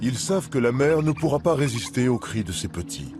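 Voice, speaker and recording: A man's voice: medium pitch, very animated, fairly quick. A man reading scripted narration for a nature documentary. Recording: music behind the voice.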